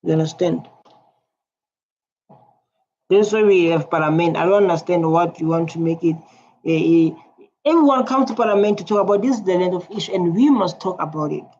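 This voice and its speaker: This South African man speaks with a Tswana accent, Setswana being his first language, and works as an online commentator giving casual, repetitive reaction commentary. His high-sitting, darkish voice moves at a moderate pace with frequent pauses, and his manner is repetitive, rambling and emphatic. The recording is dull and lo-fi with faint noise.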